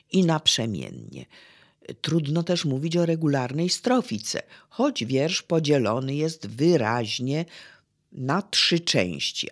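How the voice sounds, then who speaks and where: A speaker giving a literary lecture on poetry, talking in a slow, measured way. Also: mid-range voice. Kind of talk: literary lecture with read-aloud verse quotes.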